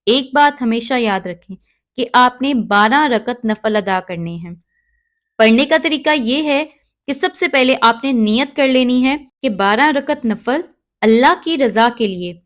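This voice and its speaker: Calm, slightly high-voiced woman teaching prayer. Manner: calm, measured, recites Arabic prayers in between. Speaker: religious instructor. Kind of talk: step-by-step prayer instruction.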